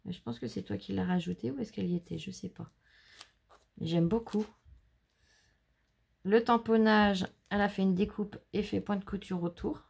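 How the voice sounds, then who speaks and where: A woman's voice: medium pitch, steady tone, moderate pace, gravelly, pauses often, darkish tone, slightly rough. A woman from France, hosting a casual show-and-tell of handmade cards at home, chatty and gushing as she talks to her viewers. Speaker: scrapbooking channel host.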